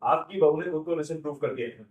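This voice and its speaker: An actor playing an upbeat, persuasive grown family member in a TV serial scene, mixing in English phrases. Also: male voice, a little high, fast talker, narrow, tinny audio, lightly acted. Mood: coaxing. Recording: echoey room from far off.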